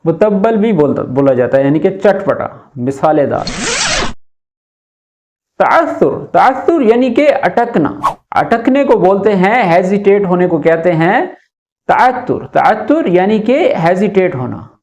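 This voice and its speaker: High-voiced man teaching Arabic words. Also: sing-song, a little mellow, muffled recording, slight background noise. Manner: repeats each word slowly, explaining in Urdu. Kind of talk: casual vocabulary lesson.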